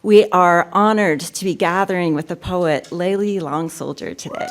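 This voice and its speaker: Woman host, lowish voice, gracious welcoming remarks, podium mic, lecture room. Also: normal speed. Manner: warm, gracious and upbeat, with filler ums. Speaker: event host introducing a poetry reading.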